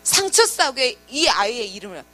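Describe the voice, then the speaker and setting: Woman, youth pastor, sermon, storytelling, questions to listeners, high voice. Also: big pitch swings, moderate pace, pushed and bright. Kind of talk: sermon to teenagers.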